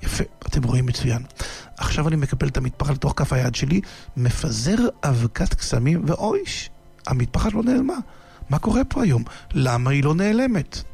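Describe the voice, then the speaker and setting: A man voicing a clumsy, cheerful male stage magician who keeps getting flustered, with a gravelly voice. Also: fairly high pitch, expressive, darkish tone, faint music behind, exaggerated voice. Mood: fussing. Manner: flustered, fussy exclamations.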